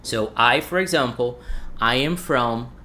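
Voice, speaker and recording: Brazilian-accented male English teacher, thirties, unhurried, drills phrases and quizzes viewers. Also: mid-range voice, pushed and bright, slight background noise. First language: Portuguese. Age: 30s. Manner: repeats phrases slowly, asks the chat questions. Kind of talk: livestream language lesson.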